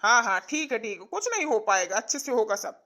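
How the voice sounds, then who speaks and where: A woman's voice: fairly high pitch, big pitch swings, quick pace, bright, forceful tone. A woman voicing a brusque, rude male village doctor who scolds impatiently in a cartoon comedy. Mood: soothing.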